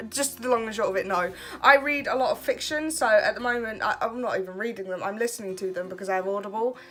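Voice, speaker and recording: Speaking a little fast on the high side with a fairly bright tone, a vlogger in her twenties from Kent, England, answers questions over faint background music. She's relaxed late at night, chatty and self-deprecating, laughing frequently in this casual get-to-know-me chat.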